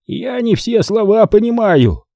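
A man voicing a brutish, jealous older man in an audiobook, slow and whining. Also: sits high, big pitch swings, vocal fry, mellow, no echo, clean studio sound, voice pushed up, heavily acted. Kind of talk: audiobook character voice.

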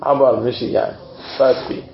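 A man's voice: medium pitch, little pitch movement, fast talker, gravelly, slight background noise. A man teaching as a sheikh, explaining a classic text word by word and checking with a yes. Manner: explains word by word, often saying yes and you mean. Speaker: sheikh teaching Quranic exegesis. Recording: roomy, dull lo-fi room recording.

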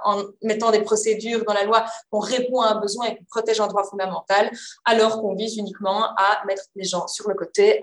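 A woman's voice: mid-range voice, reverberant. A woman giving an explanatory conference talk, speaking emphatically.

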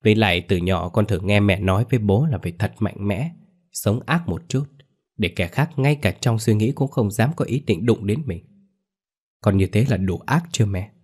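A man voicing a cold, manipulative young man who coaxes his mother in a soft voice. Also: fairly low pitch, moderate pace, husky. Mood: smug. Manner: soft-spoken, coaxing.

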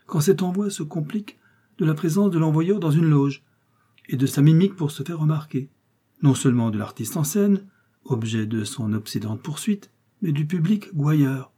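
A man's voice: a little high, animated, moderate pace, mellow, slightly rough, pitched above the performer's own voice. A man reading the part of a haughty aristocratic count in an audiobook, speaking in a cold, cutting manner. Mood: stern.

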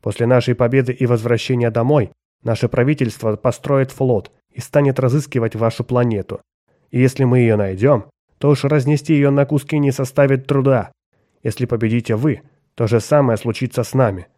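A man reading an audiobook, voicing a stern human starship captain who speaks loudly and forcefully. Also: medium pitch, normal speed, no echo, clean studio sound, close to an everyday voice. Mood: aggressive. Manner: forceful, commanding.

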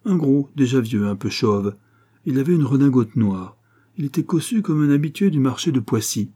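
A nosy, gossiping old ragpicker woman, put on by a male reader in a storybook reading. The husky, dark voice jumps upward when she gets excited. Her talk is loose and chatty. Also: medium pitch, normal speed, voice pushed up.

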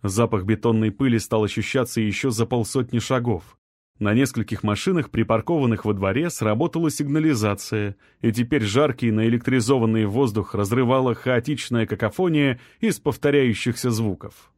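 Man, audiobook narrator, medium pitch, measured delivery, dry close sound. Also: no echo. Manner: measured, even storytelling. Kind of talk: scripted narration.

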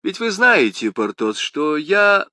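A composed young male musketeer with a priestly air, voiced by a man reading aloud answers in a quiet, even, ironic manner. The voice is bright and crisp, recorded close and dry. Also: a little high, slow, dry recording, voice pushed up, heavily acted. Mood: calm. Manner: quiet, calm, mildly ironic.

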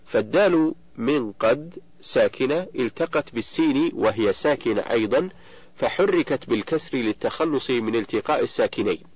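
A man's voice: medium pitch, slightly rough, no echo. Man reading steadily in a dull recording. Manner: steady explanatory reading, slower and fuller on quoted verses. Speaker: reader of a book on Quran recitation rules. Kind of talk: measured audiobook reading.

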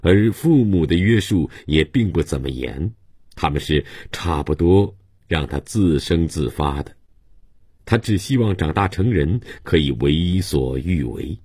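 A man narrating a literary novel as an audiobook in a calm, measured storytelling manner. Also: low voice, breathy edge, no room sound, clean studio sound.

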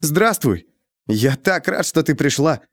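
A man's voice: a little high, expressive, takes it slowly, dry recording, voice pushed up, exaggerated voice. A man doing an odd, number-loving man. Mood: cheery.

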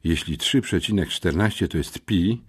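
A man's voice: low-pitched, moderate pace, husky, voice pushed up. A man voicing a clever teenage boy detective in an audiobook, coaxing and puzzling things out. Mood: thinking aloud. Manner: coaxing, then thoughtful. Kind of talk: audiobook character voice.

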